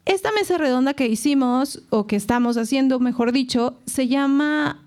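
Mexican woman, high voice, playful host, casual round-table chat. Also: moderate pace, a little mellow, smooth. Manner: playful, laughing, acts out quotes.

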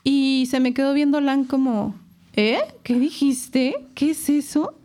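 High-voiced chatty Mexican woman. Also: steady tone, a little slow, mellow. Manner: playful, laughing, acts out quotes. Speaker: host. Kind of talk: casual round-table chat.

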